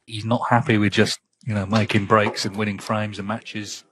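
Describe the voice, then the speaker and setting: A man's voice: lowish voice, little pitch movement, normal speed. A man giving snooker commentary in a conversational, reflective way. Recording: clear background noise with clicks. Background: noise and snooker ball clicks.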